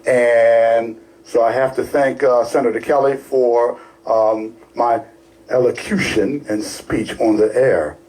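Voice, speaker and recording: A man's voice: medium pitch, steady tone, takes it slowly, a little mellow, low-quality recording. A man with a Baltimore accent co-hosting a casual radio talk show in a studio, rambling with lots of fillers and restarts.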